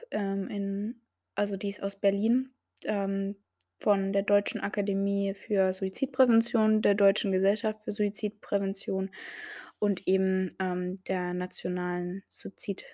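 A woman's voice: mid-range voice, mellow. A young woman hosting a solo podcast, talking hesitantly with many filler sounds and reading out quotes. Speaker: podcast host.

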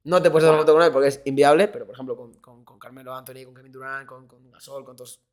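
A young man from Spain, a boxer guesting on a podcast, telling stories in an animated, casual way and acting out quoted voices. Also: medium pitch, fast. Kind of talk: casual interview chat.

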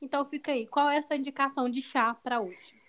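A Brazilian woman co-hosting a casual podcast with a friend, bubbly, excitable and chatty, often adding little tag questions. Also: sits high, fast talker. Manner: frequent tag questions seeking agreement. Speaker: podcast co-host.

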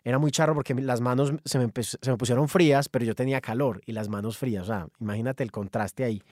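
A man, a songwriter telling a personal story in an animated monologue. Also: mid-range voice, fast, no room sound, studio quality.

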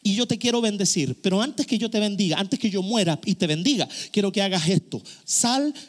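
A man acting out an old, blind, dying father who gives a solemn blessing, spoken slowly within a sermon. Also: high voice, lively intonation.

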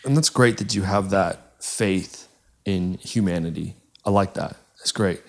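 A man's voice: low-pitched, unhurried, vocal fry. A man co-hosting a podcast, telling a story in a casual way and breaking into laughter often. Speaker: podcast co-host.

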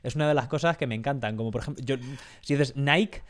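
A man's voice: mid-range voice, fast. A man hosting a casual podcast interview, rambling and frank, swearing casually. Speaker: podcast host.

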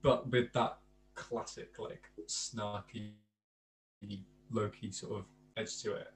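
A man with a low voice chats casually as a podcast co-host. He talks hesitantly and keeps restarting his sentences. A faint hiss sits behind him. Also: little pitch movement, slow pace. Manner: hesitant, repeats starts with "I think". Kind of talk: casual chat.

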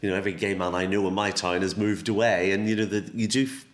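Low-voiced Irish male interviewer. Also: level tone, quick pace. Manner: affirming, frequent "you know". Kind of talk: conversational interview.

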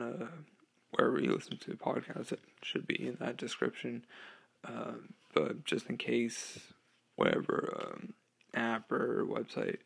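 Talking into a poor-quality home mic, a sixteen-year-old podcast host rambles casually on his own show, hesitant and full of ums and uhs, with a few laughs. His voice is husky with vocal fry.

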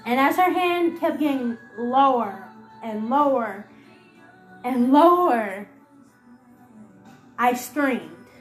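A woman with a high voice tells a painful personal story, her delivery emotional and halting as she repeats herself. She sounds like she is in a roomy, echoing space, with soft music playing underneath. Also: lively intonation. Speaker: podcast host. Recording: roomy echo with faint music.

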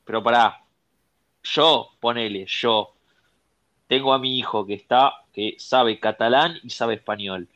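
Bright-voiced young Argentine man. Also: medium pitch, measured pace, lo-fi sound. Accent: Argentine Spanish. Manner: blunt, slangy. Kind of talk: casual chat among friends.

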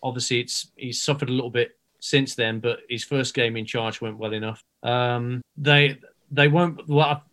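A man giving a measured, analytical football preview with some ums. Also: medium pitch, steady tone, fairly bright tone. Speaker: football pundit. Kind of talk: casual match preview.

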